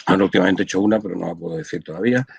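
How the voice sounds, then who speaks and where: A man's voice: deep voice, very fast, creaky, slightly rough, no echo, rough recording. An older man from Spain, a translator, explaining his work at length in a casual video-call interview, with many restarts. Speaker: audiovisual translator, interview guest.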